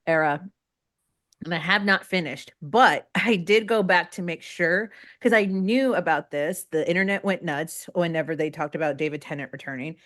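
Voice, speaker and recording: A woman's voice: fairly low pitch, normal speed, fairly bright tone. A woman chatting casually as a livestream guest, thinking aloud with frequent fillers. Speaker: podcast guest.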